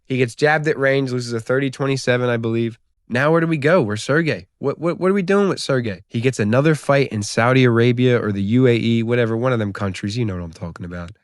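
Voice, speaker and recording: A man's voice: mid-range voice, fast talker, no room sound. A young man giving a casual, comedic fight recap, rambling and swearing as he jokes. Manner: profane, rambling, joking. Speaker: YouTube MMA commentator.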